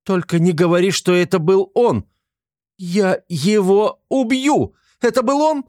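A man's voice: measured pace, a little mellow, dry recording, studio quality. A man voicing a hysterical young woman who shrieks and rages. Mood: furious. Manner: shrill, screaming, hysterical. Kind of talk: audiobook character voice.

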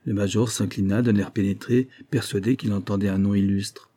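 A man narrating an audiobook in a measured storytelling manner. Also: fairly low pitch, fairly even intonation, warm tone. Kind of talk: audiobook reading.

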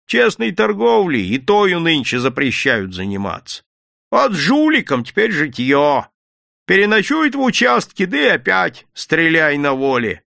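A man's voice: on the high side, sing-song, a little slow, vocal fry, sharp tone, no room sound, studio quality, pitched above the performer's own voice, full character voice. A man voicing a fawning, wheedling peasant street vendor in an audiobook reading. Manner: wheedling, ingratiating. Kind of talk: audiobook character voice.

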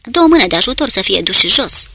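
Woman reading a male sub commander for an audiobook: curt and commanding, bright edge, some fry. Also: medium pitch, very animated, no room sound, full character voice. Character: male naval officer shouting battle orders.

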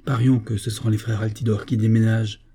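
A man reading the part of a cunning, cheeky young man from the Paris streets who talks in a brisk, scheming way. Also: on the low side, little pitch movement, gravelly, warm tone, a little hiss or hum. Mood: intrigued.

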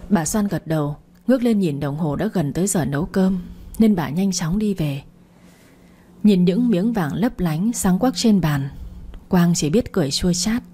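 A woman narrating a story in a steady, expressive storytelling manner. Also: on the low side, unhurried, breathy edge.

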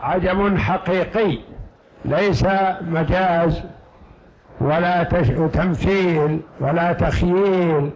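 A man, a sheikh, giving slow, emphatic lecture commentary on a text that was read aloud, repeating key phrases. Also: high voice, darkish tone. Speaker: sheikh teaching a creed text. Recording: dull lo-fi lecture recording.

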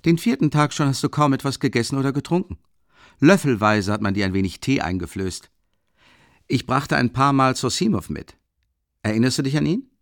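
A man doing a loud hearty young student. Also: lively intonation, fairly quick, dry recording, clean studio sound, close to an everyday voice. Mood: hearty, boisterous. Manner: booming and exclaiming. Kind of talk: audiobook character reading.

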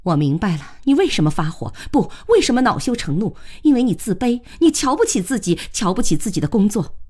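Brief: cutting, self-assured young woman teacher, read by a female narrator, animated. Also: fairly high pitch, moderate pace, pitched above the performer's own voice. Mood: scornful. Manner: cutting, lecturing. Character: sharp-tongued educated young woman, a teacher.

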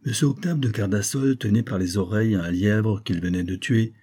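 A man reading a classic novel aloud as an audiobook narrator, in a measured way that lifts his voice for the dialogue. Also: lowish voice, warm tone, slightly rough.

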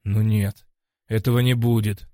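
Мужчина изображает мрачный шипящий внутренний голос. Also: male voice, lowish voice, flat delivery, measured pace, dry recording, clean studio sound, natural voice. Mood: gloomy calm. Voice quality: dark, slightly hissing. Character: gloomy hissing inner voice, male. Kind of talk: audiobook character voice.

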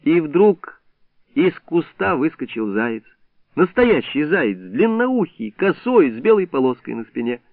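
A man's voice: a little high, measured pace, no room sound. A man reading a first-person literary story aloud, recorded dry with a narrow, phone-like sound. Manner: expressive, storytelling. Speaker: audiobook reader.

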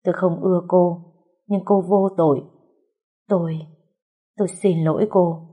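A woman's voice: fairly low pitch, fairly even intonation, slightly rough, narrow, tinny audio. A woman voicing a bitter rival. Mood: remorseful. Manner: spiteful, then remorseful and halting.

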